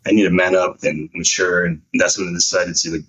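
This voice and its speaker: A deep-voiced man in his thirties tells his life story as a veteran guest on a talk show. His voice has a husky edge, and he talks in a relaxed, loose way with a bit of street slang. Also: fairly quick, dull audio. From United States (San Francisco). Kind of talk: casual chat.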